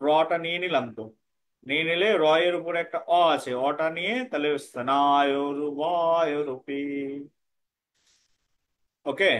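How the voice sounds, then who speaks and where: A man teaching pronunciation of scripture verses, explaining quickly and then chanting lines slowly. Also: on the high side, a bit bright. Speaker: Gita recitation teacher.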